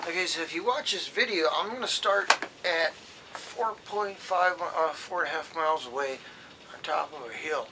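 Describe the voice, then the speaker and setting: A man presenting in an informal explanatory way, repeating and rephrasing his points to make them clear. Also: a little high, normal speed, noisy background. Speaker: presenter explaining CB radio gear.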